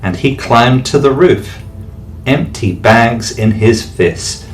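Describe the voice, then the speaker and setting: A man, a teacher, reading a rhyming bedtime story aloud with expressive delivery. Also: mid-range voice, slow pace. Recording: distant mic, faint background music.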